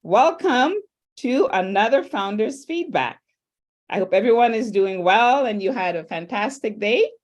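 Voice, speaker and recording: A woman from Trinidad and Tobago, hosting an online panel in a chatty, upbeat way with lively asides. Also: fairly high pitch, unhurried. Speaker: host.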